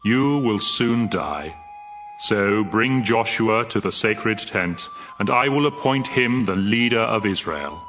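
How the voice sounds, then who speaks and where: An actor playing God as a solemn, wrathful, commanding deity making authoritative pronouncements in a dramatized scripture reading. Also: male voice, lowish voice, animated, takes it slowly, fairly bright tone, soft background music. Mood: grave.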